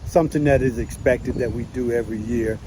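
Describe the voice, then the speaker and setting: A man talking casually to camera from his yard, relaxed and folksy, with lots of "you know" fillers. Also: mid-range voice, fairly quick, heavy background noise. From United States. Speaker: vlogger.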